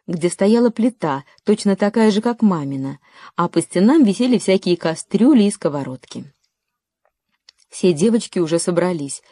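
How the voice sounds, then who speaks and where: A woman narrating a children's story in a calm, even way. Her voice sits low and mellow, recorded close and dry with no room around it. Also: no echo. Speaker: audiobook narrator. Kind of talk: scripted narration.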